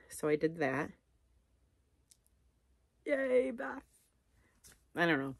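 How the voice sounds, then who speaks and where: A middle-aged woman with a deep voice chats casually and unscripted to camera from the couch in her living room. As a vlogger, she rambles and is self-deprecating while thinking aloud. The sound is clean studio quality with no room sound.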